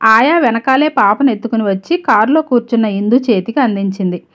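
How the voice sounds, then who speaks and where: A woman's voice: on the high side, brisk, fairly bright tone. Woman narrating a story, lo-fi. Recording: slightly dull lo-fi recording.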